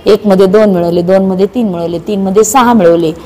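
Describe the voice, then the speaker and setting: A woman teaching young children a math game in a classroom, in a brisk way that coaxes them along. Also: medium pitch, mellow. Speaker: primary school teacher. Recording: echoey classroom reverb.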